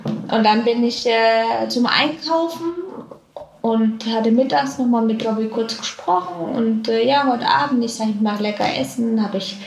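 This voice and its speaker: A woman telling a personal story in conversation, halting and reflective, often searching for words. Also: fairly high pitch, creaky. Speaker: interview guest. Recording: echoey room with faint noise.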